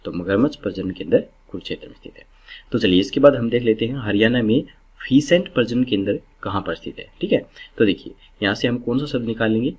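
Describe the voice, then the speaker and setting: A man's voice: medium pitch, animated, fast, darkish tone, husky. A man teaching exam memory tricks, explaining step by step and repeating key words to drill them in.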